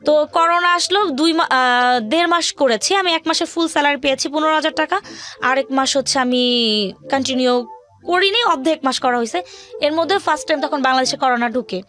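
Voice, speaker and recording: Talking a little fast in a high, fairly bright voice, a young Bangladeshi-accented woman from rural Bangladesh recounts her personal struggles to an interviewer. She is a guest telling her life story, and it comes out rambling and colloquial, with phrases repeated.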